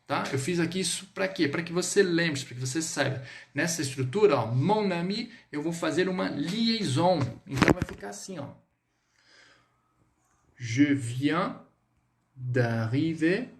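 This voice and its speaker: A man with a Brazilian Portuguese accent teaching a French lesson online, lively and spelling words out slowly. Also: fairly high pitch, creaky, slight background noise. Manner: lively, drills words slowly, switches between two languages.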